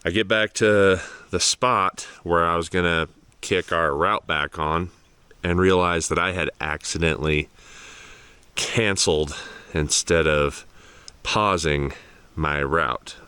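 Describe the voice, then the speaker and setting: A man's voice: low voice, fairly even intonation, slow, pushed and bright, clean tone, no echo. A man chatting casually as an overlanding vlogger, easygoing and full of fillers. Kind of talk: casual vlog narration. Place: outdoors on mountain trails and in a garage.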